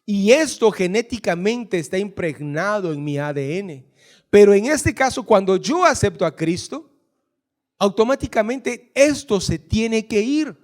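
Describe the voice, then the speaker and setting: A man with a Guatemalan Spanish accent preaching a sermon as pastor in a church, reading scripture lists slowly and joking with the congregation. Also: high-pitched, expressive. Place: church hall.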